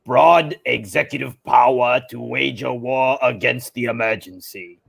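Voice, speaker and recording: A man voicing a scheming old emperor villain, reading lines slowly. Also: mid-range voice, vocal fry, fairly bright tone, slightly rough, full character voice. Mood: sinister.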